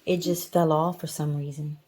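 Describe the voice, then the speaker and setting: Reading a picture book to her child, a mother breaks into casual chat, patiently explaining things in simple terms. She speaks at normal speed in a low, darkish voice with little pitch movement.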